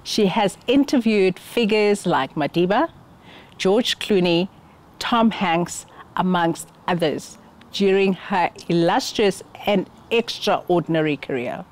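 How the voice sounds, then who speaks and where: A woman's voice: fairly low pitch, takes it slowly. A woman from South Africa hosting an interview podcast, affirming her guest often. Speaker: podcast host.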